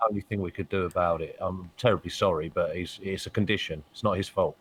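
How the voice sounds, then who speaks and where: A man's voice: low-pitched, steady tone, quick pace, breathy edge. A man playing a tabletop game, speaking politely and apologetically in character. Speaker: player.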